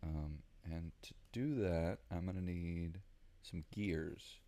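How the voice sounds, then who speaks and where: A man's voice: deep voice, slow pace, mellow, slight background noise. A man with a Southern American accent giving casual, rambling gameplay commentary, thinking aloud with lots of ums. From Southern United States. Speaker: gaming video creator.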